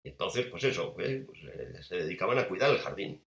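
A man preaching a sermon, retelling a scene tenderly and swinging between soft and emphatic delivery. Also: low voice, very animated, brisk, roomy sound.

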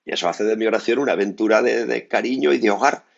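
Spanish priest chatting thru a meditation, gravelly and a bit husky, dull lo-fi audio. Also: male voice, fairly low pitch, quick pace. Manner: conversational, frequent tag questions, lively asides. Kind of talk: spoken meditation.

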